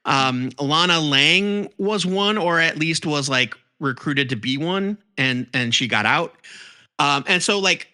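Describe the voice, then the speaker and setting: A man co-hosting a comics podcast, explaining theories in a rambling, animated way with lots of fillers and restarts. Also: on the high side, slow, clear, resonant tone. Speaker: podcast co-host. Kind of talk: casual chat about comics.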